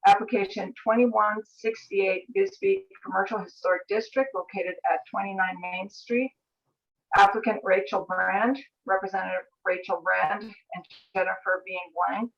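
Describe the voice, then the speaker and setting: An American woman runs a formal civic board meeting, reading procedure and items aloud. Her voice sits at a middling pitch. The sound is dull and lo-fi, picked up by a meeting room mic. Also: steady tone, normal speed, vocal fry. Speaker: board chair running a public meeting.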